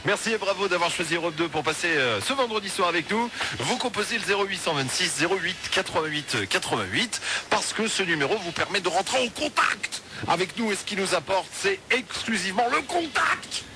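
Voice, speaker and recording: A man's voice: high voice, brisk. A man hosting a late-night call-in radio show, joking and loose with the callers. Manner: lively, joking, apologetic asides. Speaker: radio host. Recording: radio broadcast with light noise.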